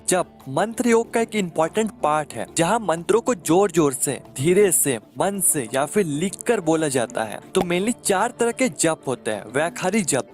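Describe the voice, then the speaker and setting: A young man calmly explaining yoga and meditation practice step by step, slipping English terms into his instruction. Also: a little high. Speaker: spiritual teacher.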